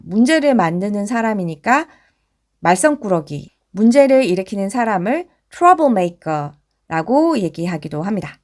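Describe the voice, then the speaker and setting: A woman teaches English spelling and sounds in a slow, deliberate lesson. Her pitch rises and falls a lot as she sounds out each letter, and she builds every word up piece by piece with patient care.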